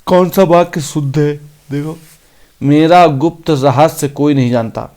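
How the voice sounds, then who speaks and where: A man teaching an exam-prep grammar lesson, reading each sentence out slowly and then explaining it briskly. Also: a little high, mellow. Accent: Hindi.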